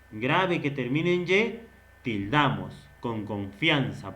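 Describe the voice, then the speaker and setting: A man gives a grammar lesson at an unhurried, drawn-out pace. He keeps asking questions aloud and then answering them himself, as if speaking for his students. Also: mid-range voice, fairly bright tone. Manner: slow, stretched-out explaining. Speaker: teacher.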